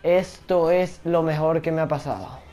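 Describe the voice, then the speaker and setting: A man's voice: fairly high pitch, fairly even intonation, normal speed, dark tone, faint music behind. A man who hosts a gaming channel, giving live gameplay commentary with frequent exclamations, curses and English slang mixed into his Spanish.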